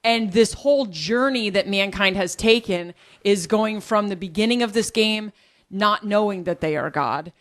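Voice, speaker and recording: A woman's voice: mid-range voice, normal speed, a bit bright. A woman guest in a casual discussion, earnestly explaining her ideas at length.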